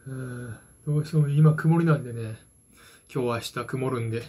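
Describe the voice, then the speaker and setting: Speaking into a phone held out at arm's length in a small, dimly lit room at home, this Japanese man in his forties chats about card games. His mid-range voice is warm and husky at a moderate pace, and he rambles with hesitant jokes at his own expense.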